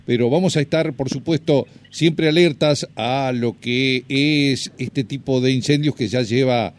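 A man with an Argentine accent hosting a radio interview, asking questions in a measured way with a few fillers. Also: medium pitch. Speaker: radio host.

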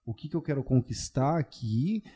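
A man's voice: medium pitch, lively intonation, normal speed, warm tone, breathy edge. A young man in casual chat, telling stories with slang and swearing freely. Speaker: podcast co-host.

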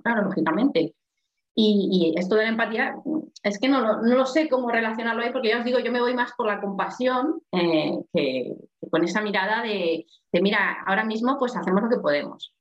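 Woman, strong voice, expressive chat, dull lo-fi roomy recording. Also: mid-range voice. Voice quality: strong, loud voice. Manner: expressive, thinking aloud with restarts. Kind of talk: casual group discussion. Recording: echoey, dull lo-fi sound.

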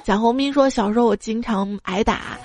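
A woman's voice: on the high side, normal speed, darkish tone, soft background music. A woman hosting a podcast, reading out funny listener stories in a playful way and laughing at her own material. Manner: acts out the quoted parents. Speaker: podcast host.

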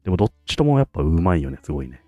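A man's voice: deep voice, very animated, rapid-fire, dark tone, dry recording, soft background music. A man co-hosting a casual podcast chat, talking enthusiastically and laughing often. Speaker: podcast co-host.

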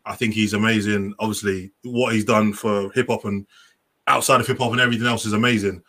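A man's voice: lowish voice, steady tone, quick pace, sharp tone. A man with a London roadman accent and slangy street talk, hosting a casual group chat. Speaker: podcast host.

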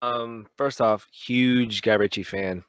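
A man co-hosting a casual movie review, talking in an excited, rambling way and often correcting himself. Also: medium pitch, takes it slowly, smooth, dry recording. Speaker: film review co-host.

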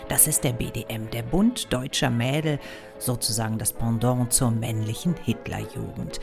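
A woman's voice: very deep voice, steady tone, moderate pace, creaky, music in the background. A woman explaining history as a podcast host, with wry, ironic emphasis.

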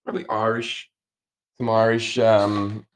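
A young Australian man with a notably deep, low voice rambles through casual stories as a podcast co-host. He swears freely and drifts from one tangent to the next. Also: completely flat delivery, unhurried, slight background noise. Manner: loose, rambling storyteller who swears and puts on voices for quotes. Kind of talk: casual chat.

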